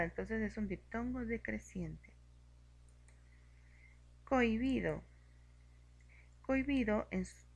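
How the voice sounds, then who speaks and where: A woman teaching a grammar lesson, explaining each example slowly and clearly. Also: medium pitch, a bit bright. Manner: slow, clear and methodical, spelling out examples.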